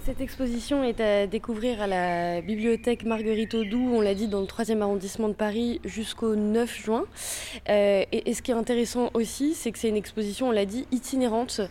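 A woman hosting an interview, asking measured, polite questions. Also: a little high, fairly even intonation, dark tone, slight background noise. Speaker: interviewer host.

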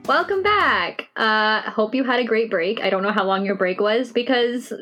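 A woman's voice: mid-range voice, fairly even intonation, normal speed, a bit bright, soft background music. A woman hosting a podcast in a casual, conversational way, hedging often as she talks informally. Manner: informal, hedging with "like" and "you know". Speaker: podcast host. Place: recorded in a shed.

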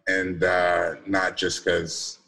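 On a video call, a young male event speaker with a deep, sharp-toned voice gives a casual personal talk. His delivery is completely flat and halting, packed with fillers and restarts.

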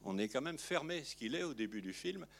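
A man's voice: medium pitch, big pitch swings, a little fast, vocal fry. A film director talking in an interview, rambling and peppering his sentences with little fillers. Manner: rambling, filler-heavy, frequent "hein". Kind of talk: interview conversation.

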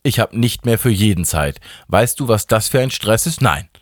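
A man's voice: lively intonation, moderate pace, dry recording, lightly acted. A man playing a frazzled, drugged-up God. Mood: exasperated. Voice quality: rambling, exasperated, rising to a high pitch. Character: stressed drug-addled God, male, ancient, irritable.

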